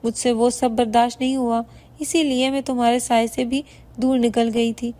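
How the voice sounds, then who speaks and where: A woman voices a wronged young wife in a storybook tale, restrained and dignified. The voice is high and held level. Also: flat delivery, dark tone, close to an everyday voice. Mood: grieved. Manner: bitter yet respectful, restrained.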